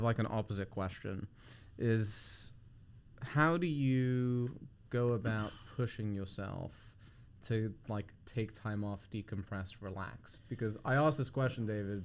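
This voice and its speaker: A British man hosting a podcast, asking questions in a relaxed, chatty way. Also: lowish voice, smooth. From Britain. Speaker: podcast host. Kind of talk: casual interview chat.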